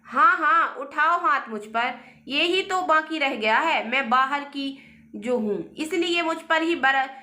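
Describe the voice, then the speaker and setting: A woman voicing an angry, quarrelsome young wife who shouts accusations, in a roomy echo. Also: sits high, animated, slow pace, exaggerated voice.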